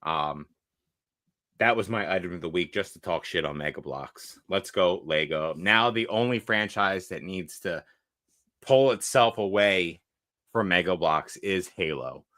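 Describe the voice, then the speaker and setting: A young man with a low, bright-edged voice hosts a casual livestream podcast, loudly joking and shouting out viewers in the chat. His sound is dry and close on a desk streaming mic. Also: measured pace, no room sound. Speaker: podcast co-host.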